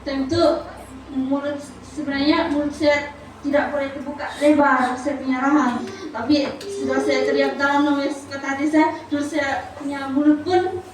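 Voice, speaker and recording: A woman tells her testimony in a soft, halting way, with many pauses. Her voice sits high, and it reaches the mic from a distance. The hall around her rings with heavy echo, and there is a clear noisy hum behind her. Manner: soft, hesitant storytelling with pauses. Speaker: church member giving testimony. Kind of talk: personal testimony at a church service. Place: church hall. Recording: very echoey hall, voice from far off, noisy.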